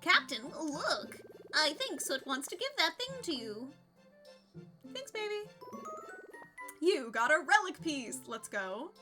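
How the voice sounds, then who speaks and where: A woman's voice: high voice, sing-song, a little slow, pauses often, sharp tone, soft background music. A young adult woman streaming a game live, chatting casually with frequent giggles and reading game text aloud.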